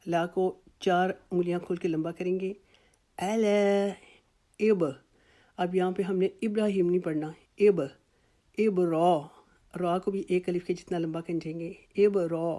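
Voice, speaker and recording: A woman teaching Quran recitation rules in a slow, patient lesson, drawing out words as she models them and reassuring her students. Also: on the low side, steady tone, dark tone. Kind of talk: slow instructional tajweed lesson.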